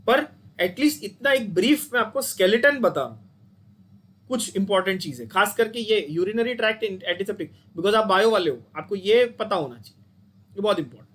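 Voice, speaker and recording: A man's voice: sits high, fairly bright tone, slight background noise. A man with an Indian accent teaching chemistry to a class, explaining step by step and checking in with students often. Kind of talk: classroom lecture.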